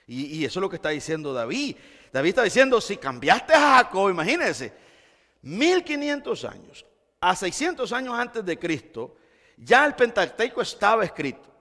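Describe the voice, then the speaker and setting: A man preaching in a church, his voice high and swinging widely in pitch as he moves between hushed teaching and shouted exclamations. The sound carries a long reverb from the hall around him. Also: big pitch swings, moderate pace. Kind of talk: sermon. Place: church sanctuary.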